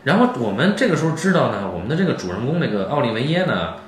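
A man hosting a podcast, retelling a film plot in a lively casual way and acting out the characters' lines. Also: medium pitch, fast, echoey room, a little hiss or hum. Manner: animated storytelling with acted quotes. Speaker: podcast host.

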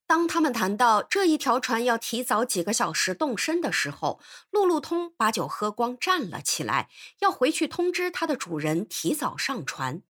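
A woman narrating a novel in an expressive, animated storytelling voice. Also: on the high side, normal speed, few pauses.

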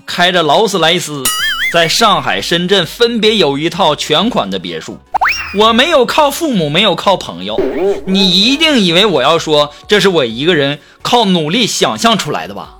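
A man's voice: a little high, normal speed. A man hosting a comedy show, telling jokes and acting out every quote. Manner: animated, acts out every quote. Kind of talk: joke telling. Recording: background music under voice.

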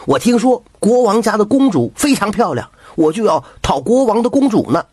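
A man voicing a cheeky young frog who talks like a person, bold and sure of himself, with a husky voice. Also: sits high, very animated, normal speed, darkish tone, no echo, pitched above the performer's own voice, full character voice. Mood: cocky.

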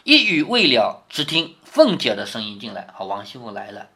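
A man reads a classic novel aloud to his daughter, stopping often to explain. He keeps checking in with rhetorical questions. His pitch swings in a lively way. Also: normal speed. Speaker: father reading to his daughter. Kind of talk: reading aloud with commentary.

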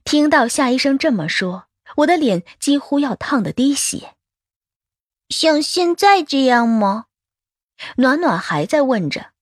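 A woman reading a first-person story aloud as an audiobook narrator, expressive in her telling. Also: high-pitched, moderate pace, few pauses, husky, no echo, clean studio sound.

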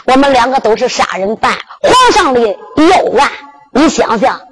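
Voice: mid-range voice, big pitch swings, moderate pace, fairly bright tone, low-quality recording. A storyteller with a Henan accent voicing a humble, grateful outlaw hero in a Henan zhuizi story. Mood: pleading.

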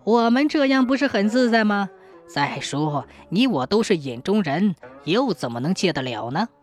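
Craving middle-aged man, read by a woman, whiny, pleading, loud calls, storybook. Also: mid-range voice, sing-song, normal speed, soft background music, close to an everyday voice.

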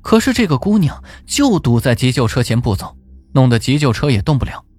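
A man narrating a folk ghost story in an expressive, suspenseful way. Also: mid-range voice, fairly quick. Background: faint music.

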